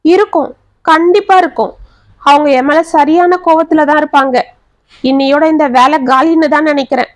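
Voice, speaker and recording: Woman doing a distraught young wife, high voice, anguished, dry recording. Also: steady tone, moderate pace, dry recording, natural voice. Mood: anxious. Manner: anguished, pleading, shrill when upset. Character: overwhelmed young working wife, anxious and tearful.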